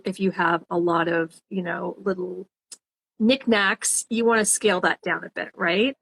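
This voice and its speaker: A woman professional organizer, a guest on an interview, talking steadily and practically about decluttering. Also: medium pitch. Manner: practical, advice-giving, steady. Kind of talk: casual interview chat.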